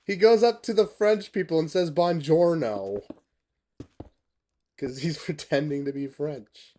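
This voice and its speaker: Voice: medium pitch, darkish tone. A streamer from Canada chatting casually while playing a game, laughing often, swearing now and then and reading out chat messages. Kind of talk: casual gameplay commentary.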